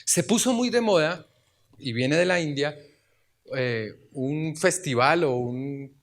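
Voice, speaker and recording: A man preaching a sermon in church, chatting with the congregation, asking rhetorical questions and breaking into loud exclamations. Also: fairly high pitch, animated, takes it slowly.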